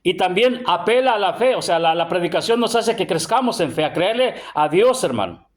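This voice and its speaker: A middle-aged man with a Mexican accent teaching a sermon, who asks the congregation questions and tags his lines with "brother", and who slows right down to read verses. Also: high voice, lively intonation. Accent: Mexican Spanish. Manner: call-and-response, tags lines with "hermano"; slow emphatic verse reading. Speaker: preacher.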